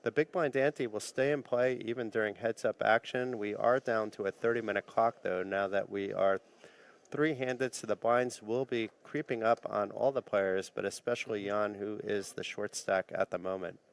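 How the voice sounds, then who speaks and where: A man's voice: lowish voice, fairly even intonation, moderate pace, vocal fry. A man doing easygoing live play-by-play commentary on a poker final table. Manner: easygoing play-by-play, light joking.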